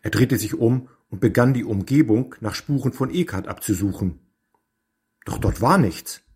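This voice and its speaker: A man narrating a storybook in a measured, deliberate way. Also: medium pitch, darkish tone.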